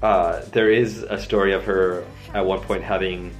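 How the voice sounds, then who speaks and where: A man with a very deep voice chats loosely about music, filling the gaps with "um" and "like." His talk wanders and doubles back as he thinks aloud. Soft music plays faintly behind him. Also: steady tone, moderate pace. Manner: rambling, many fillers and laughs. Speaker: podcast co-host. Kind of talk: casual music discussion.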